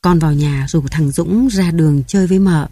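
Woman doing a heartbroken mom who's been thrown out, choked pleading voice, mellow and dark. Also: deep voice, brisk, slightly rough, no echo, studio quality. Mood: hushed urgent. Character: grieving mother, a woman cast out, sobbing.

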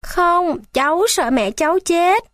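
A woman's voice: very high voice, animated, slow pace, a bit bright, dry recording, voice pushed up, full character voice. A small anxious boy pleads through tears in a raised, childlike voice, as a woman reads him out. He sounds close and dry, without any room around him. It is a storybook reading. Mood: tearful. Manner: pleading, tearful. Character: small anxious boy who loves his mother.

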